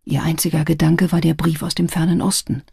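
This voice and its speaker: A woman narrating an audiobook in calm, scripted storytelling. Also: sits low, a little fast, vocal fry, breathy edge, dry recording. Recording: dry close studio sound.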